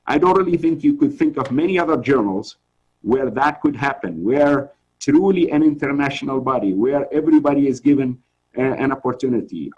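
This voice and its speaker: A middle-aged Tunisian man who edits a journal gives an informal webinar lecture over a video call, earnest and encouraging but restarting often. His medium-pitched voice has a breathy edge, and the sound is lo-fi.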